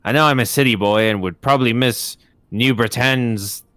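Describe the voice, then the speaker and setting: A man's voice: mid-range voice, moderate pace, a bit bright, lightly acted. A man doing a goofy wisecracking city cop. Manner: joking, sarcastic.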